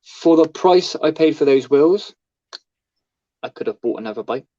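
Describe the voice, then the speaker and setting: A man's voice: fairly high pitch, animated, normal speed, warm tone. A man in casual chat as a podcast co-host, rambling and full of fillers. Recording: slightly dull lo-fi recording.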